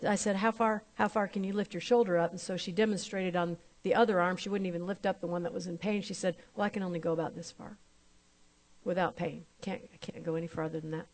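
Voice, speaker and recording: A woman's voice: on the low side, steady tone, fast talker, darkish tone. A woman minister telling a testimony in a sermon, acting out both sides of the conversation as she tells it.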